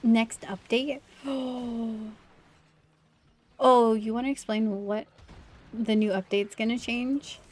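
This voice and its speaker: Slow-talking woman streamer, chatty and apologetic. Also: on the high side, fairly even intonation, darkish tone. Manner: chatty, answers chat, apologises often. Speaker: game streamer. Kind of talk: casual livestream chat while gaming.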